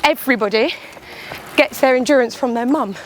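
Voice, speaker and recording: A woman with a high voice chats to the camera while running outdoors. Her delivery is candid and animated, a casual vlog monologue that slips into little imagined quotes. Faint traffic and ambient noise sit behind her. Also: brisk. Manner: talking while out on a run. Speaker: runner and vlogger.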